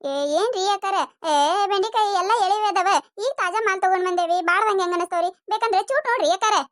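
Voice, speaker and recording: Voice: extremely high pitch, steady tone, quick pace, a bit bright. A voice actor playing a wailing, complaining village vegetable seller with a North Karnataka accent in a cartoon comedy.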